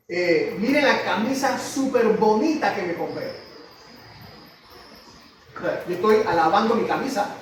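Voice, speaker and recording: A man's voice: sits high, a little hiss or hum. A man preaching a sermon, who teaches step by step and often asks his congregation questions. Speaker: pastor. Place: church hall. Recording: very echoey hall, mic at a distance.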